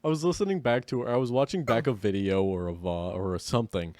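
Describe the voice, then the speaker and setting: A man's voice: on the low side, fast talker, darkish tone, no room sound. A young man co-hosting a podcast in casual chat, tipsy, a bit out of breath, rambling and laughing. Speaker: podcast co-host.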